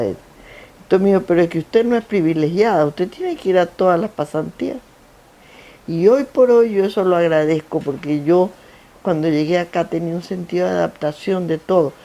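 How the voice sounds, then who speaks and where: Older woman, Guayaquil Spanish accent, mellow tone, storytelling interview guest, repeats and lists as she goes. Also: fairly low pitch, moderate pace. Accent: Ecuadorian coastal Spanish, Guayaquil. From Ecuador. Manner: animated, anecdotal, lists with repetition. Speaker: interview guest, founder of a foundation. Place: theater stage.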